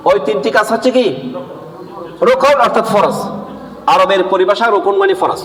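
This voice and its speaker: High-voiced preacher in an echoing hall. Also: male voice. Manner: asks the audience questions and answers them himself, repeats key points. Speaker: Islamic preacher. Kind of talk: sermon-style religious lesson. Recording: echoey hall with long reverb.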